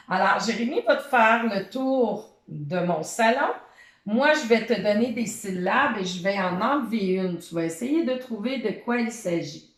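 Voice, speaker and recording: A woman teaching a syllable game to young children from her living room. She speaks straight to the child and draws out each syllable. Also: fairly high pitch. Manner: talks directly to a child, drawing out syllables slowly. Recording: roomy echo of a home room.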